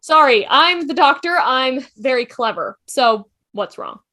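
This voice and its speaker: During an online video call table read for an amateur drama, a woman performs and narrates as a clever, curious, chatty time traveller, breezy and inquisitive. Her high, sharp voice swings widely in pitch at an unhurried pace, fully in character, recorded through the video call.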